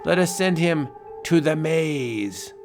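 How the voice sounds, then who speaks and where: A man's voice: fairly high pitch, animated, slow, music in the background, pitched above the performer's own voice. A man voicing a stern, menacing spirit official with a barking, theatrical manner, in a vintage horror comic book narration.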